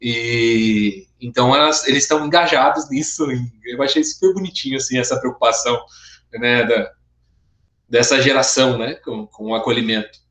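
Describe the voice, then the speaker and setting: Gentle reflective father, echoey. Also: mid-range voice, normal speed. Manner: gentle, reflective, hesitant restarts. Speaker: father in a church group. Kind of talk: casual discussion in an online meeting. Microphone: video call.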